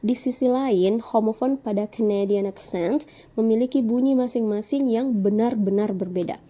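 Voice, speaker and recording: A woman lecturer giving a measured, explanatory scripted lesson narration. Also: a little high, warm tone.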